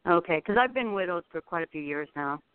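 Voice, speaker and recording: A woman's voice: on the low side, expressive, clean tone. Polite woman caller on a phone line. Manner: warm, polite, quick to thank, laughs softly. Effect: caller heard over a phone line. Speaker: radio show caller. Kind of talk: casual call-in conversation.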